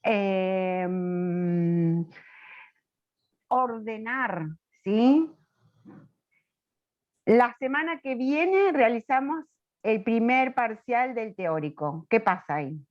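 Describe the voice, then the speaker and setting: A woman teacher giving an online class, slow and questioning, checking often that students follow. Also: on the high side. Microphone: video call. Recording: dull lo-fi video call audio.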